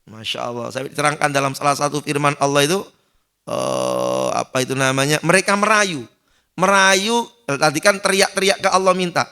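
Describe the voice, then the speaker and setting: A male preacher giving an animated dawn sermon in a mosque, acting out shouted pleas and joking with the congregation. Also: fairly high pitch, moderate pace, clear, resonant tone.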